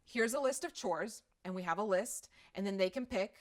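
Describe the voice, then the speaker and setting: A middle-aged Croatian woman with a slight accent chats casually about parenting on a live stream, answering viewer questions in a candid, self-deprecating way. Her voice is mid-range and her pace moderate.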